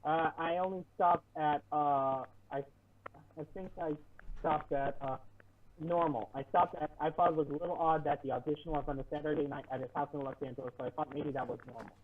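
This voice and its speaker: A man's voice: on the high side, fairly even intonation. Muffled man, as if through a wall. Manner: halting, stumbling restarts. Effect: muffled, as if heard through a wall. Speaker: online show co-host reading an article. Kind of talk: reading aloud with sarcastic asides. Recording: muffled, distant, lo-fi mic with popping and faint hiss.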